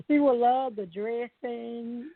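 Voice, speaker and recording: Husky woman with a slow Southern drawl. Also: fairly high pitch, no room sound. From Louisiana, United States. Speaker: podcast guest. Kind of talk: casual chat. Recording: dull, dry lo-fi phone call.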